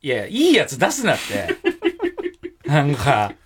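A man's voice: mid-range voice, wildly swooping pitch, slow pace, fairly bright tone, slight background noise. A man co-hosting a radio show in casual, teasing banter, laughing often.

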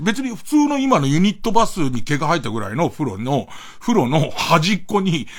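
A middle-aged man talks on his late-night radio show, his husky voice on the higher side for a man and leaping all over in pitch. He rambles through a loose monologue into a close studio mic, laughing between his remarks.

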